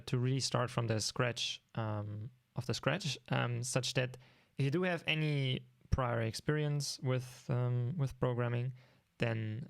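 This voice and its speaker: A man from Germany with a German accent, an online programming instructor talking informally and haltingly with many ums. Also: mid-range voice, gravelly, no echo, clean studio sound. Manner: hesitant, many ums and restarts.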